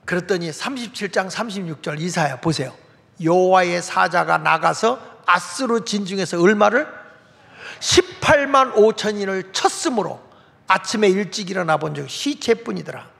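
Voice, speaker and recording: A man's voice: high voice, lively intonation, moderate pace, vocal fry, fairly bright tone. A male pastor preaching a sermon in a folksy way, asking the congregation questions as he goes. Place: church sanctuary. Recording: long reverb of a large hall.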